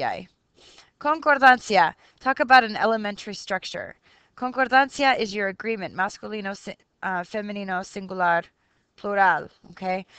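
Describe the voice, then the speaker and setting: A woman's voice: medium pitch, a bit bright, dry recording. A woman teaching a recorded lesson to her students. She switches between Spanish and English and keeps checking in with "ok?".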